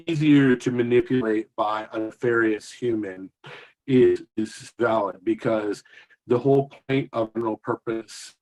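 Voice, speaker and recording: A man speaking as a guest over a video call whose audio cuts in and out, so his volume keeps rising and dipping, and he talks haltingly with many restarts. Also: fairly low pitch, darkish tone, poor audio. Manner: halting, full of restarts and fillers. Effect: choppy call audio with uneven, dipping volume. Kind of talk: remote panel discussion.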